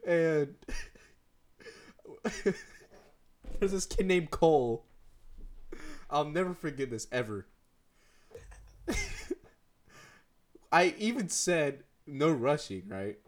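Teen dude podcast cohost, laughs a lot, rambles, says dude constantly. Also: male voice, fairly high pitch, big pitch swings, slow, pauses often. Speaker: podcast co-host. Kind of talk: casual chat.

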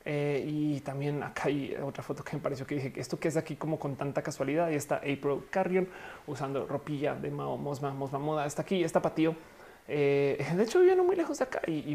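A woman's voice: low-pitched, creaky, warm tone. A young Colombian-born woman with a Mexican Spanish accent, chatting casually on a live stream and reading viewer comments aloud.

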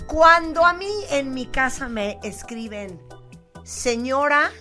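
A woman's voice: high-pitched, lively intonation, takes it slowly, bright, forceful tone, soft background music. A woman with a Mexican accent hosting a casual radio show, telling stories dramatically and acting out scenes in voices. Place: radio studio.

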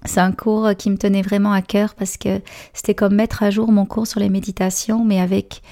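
A woman podcast host with a Quebec French accent talks in a hoarse, gravelly voice full of fry. Her tone is mellow and soft-edged, at a middling pitch. She speaks casually and reflectively, often pausing to find the right word. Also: level tone. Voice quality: raspy, gravelly voice recovering from voice loss. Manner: hesitant, reflective, searching for words. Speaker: podcast host and meditation teacher.

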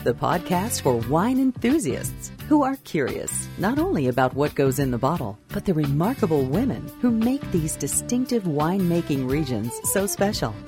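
A woman's voice: deep voice, sing-song, normal speed, hardly any pauses, music in the background. A woman reading a scripted podcast introduction as announcer. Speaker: show announcer.

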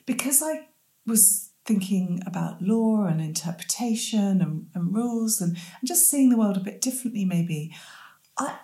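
Woman with soft Rs, sounding like W. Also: on the high side, roomy sound. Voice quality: says w for r, cannot pronounce R clearly. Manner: thoughtful, self-deprecating, hedging. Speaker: interview guest, medical ethicist. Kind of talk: reflective conversational interview.

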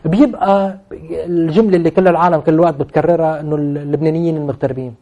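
A man's voice: fairly high pitch, steady tone, rapid-fire, dark tone. A man with a Lebanese Levantine Arabic accent explaining things off the cuff as an interview guest, emphatically repeating phrases to stress his points. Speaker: interview guest commenting on real estate.

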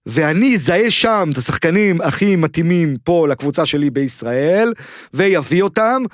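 A male sports journalist, a guest in casual conversation, with a voice pitched slightly high. He explains emphatically, repeats his points and builds hypothetical scenarios. The recording is dry and close. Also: expressive, dry recording. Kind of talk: casual chat.

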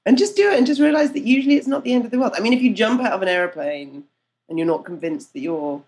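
A woman's voice: fairly high pitch, expressive, fast talker, a little mellow. A woman speaking as a podcast guest and coach, chatting casually, laughing easily and acting out remembered quotes with changed voices. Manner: laughs easily, self-deprecating. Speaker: guest, networking mentor and storytelling coach.

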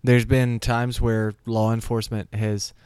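Dry-witted man, smooth voice. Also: mid-range voice, flat delivery, unhurried, a little mellow, no echo. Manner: dry, wry humor. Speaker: podcast co-host. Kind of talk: casual chat.

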